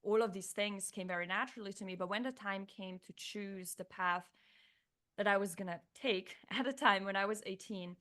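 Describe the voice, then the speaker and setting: A woman in her thirties from Slovenia, a Slovenian native speaker, guest on an interview, talking in a reflective, animated way with many restarts. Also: mid-range voice, normal speed. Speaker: guest, neuroscientist turned coach. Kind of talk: casual interview chat.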